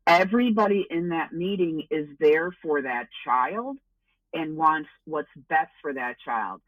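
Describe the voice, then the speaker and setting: Woman, education advocate, emphatic, reassuring, lively pitch, tinny phone line. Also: no room sound. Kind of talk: advice in conversation.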